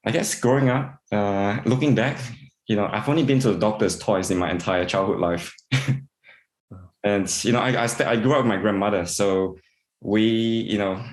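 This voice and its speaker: Speaking in a lowish voice with reverberation around it, a man from Singapore, an integrative vet, responds to interview questions in a halting manner full of repeated words and fillers.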